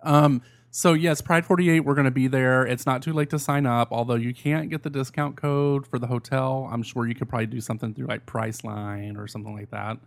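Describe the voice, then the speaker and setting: A man's voice: mid-range voice, steady tone, fairly quick, vocal fry, few pauses, no room sound. A man hosting a podcast in casual chat, talking in a blunt, salty, conversational way. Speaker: podcast host.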